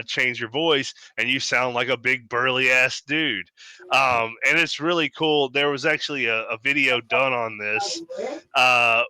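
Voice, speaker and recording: Animated man with a bright, crisp voice. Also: medium pitch, no room sound, low-quality recording. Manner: animated, swears freely, mimics voices when telling stories. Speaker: podcast co-host. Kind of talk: casual chat.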